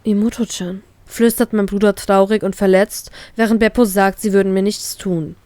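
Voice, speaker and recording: A woman reading a first-person fan fiction story in even, measured narration. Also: medium pitch, clear, resonant tone, no room sound.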